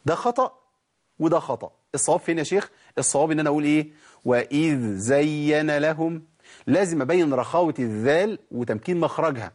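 A man with an Egyptian Arabic accent teaching Quran recitation, asking and answering his own questions and drawing out slow recited examples. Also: on the high side, a little mellow, husky. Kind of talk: tajweed lesson.

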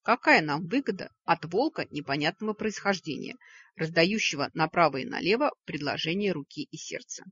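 A woman's voice: fairly low pitch, a bit bright, breathy edge, no room sound, full character voice. A woman voicing a sarcastic, mocking young man in a storybook reading. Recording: dull lo-fi recording.

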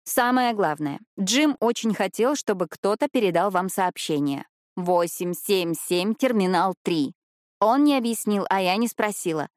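A woman reading a first-person novel aloud in a mid-range voice. She gives the dialogue a lively, expressive delivery. The recording is dry and close, with no room sound. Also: medium pitch, measured pace, no echo. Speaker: audiobook narrator.

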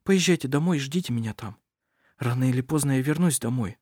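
Brief: male reader playing a resolute young woman, soft and hushed, slightly raised pitch, dry booth. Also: lively intonation, moderate pace, no echo. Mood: calm resolve. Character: young woman, calm, strong-willed daughter.

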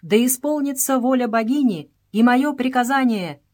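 A woman's voice: medium pitch, lively intonation, lightly acted. A woman voicing a cold imperious princess. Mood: solemn command. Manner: solemn, commanding, slow-paced.

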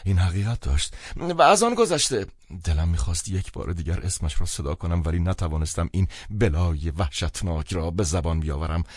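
A man narrating a novel in the first person, measured and expressive. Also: sits low, slightly rough, no room sound, studio quality. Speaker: audiobook narrator.

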